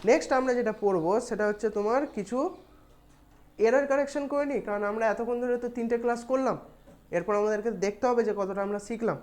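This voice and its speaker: A young woman with a Bengali accent teaching an exam-prep grammar lesson. She explains patiently, speaks straight to her students and reads English examples slowly. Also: on the high side, a little mellow.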